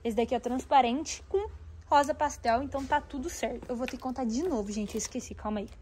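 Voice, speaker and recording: A woman's voice: high-pitched, fairly quick, a little hiss or hum. A woman with a Brazilian Portuguese accent chatting to viewers in a shopping vlog as she browses a stationery store. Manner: animated, talks to viewers while browsing.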